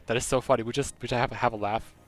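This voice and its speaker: Speaking very fast in a medium-pitched voice with fairly even intonation, a young man from Germany chats on a game stream. He reads chat and stumbles through a rambling story full of restarts, his accent slightly German, with soft music in the background.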